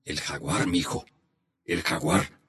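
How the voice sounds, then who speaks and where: A man reads as an old grandfather, spinning a hunting tale for the kids. The voice is low and very husky, and it swings widely in pitch as he slows down for the tense moments of this storybook tale. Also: expressive, a bit bright, heavily acted. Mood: hushed. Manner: slow, heartfelt storytelling. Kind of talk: storybook reading.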